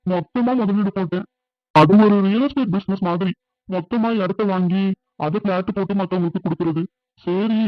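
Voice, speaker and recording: A man's voice: sits high, dry recording, muffled recording, natural voice. Man voicing earnest village family men. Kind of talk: cartoon dubbing.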